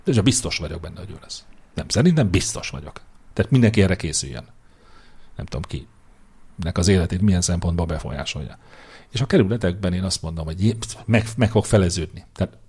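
A man with a very low, husky voice chats on a podcast, teasing his co-host and confidently making predictions. He talks in an opinionated, mocking way, with quick jabs and asides. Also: lively intonation, darkish tone. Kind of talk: casual political chat.

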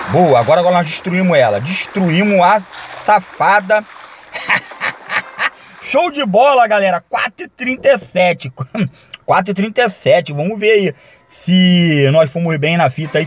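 A young Brazilian man with a Brazilian accent giving excitable gameplay commentary, shouting and chanting in the busy moments. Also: fairly high pitch, a little hiss or hum. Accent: Brazilian Portuguese. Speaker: gaming YouTuber. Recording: loud game music underneath.

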